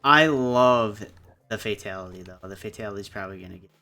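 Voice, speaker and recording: Over music playing in the background, a stream host chats casually and opinionatedly about games, swearing now and then. His voice is lowish and sharp, and he speaks fairly quickly.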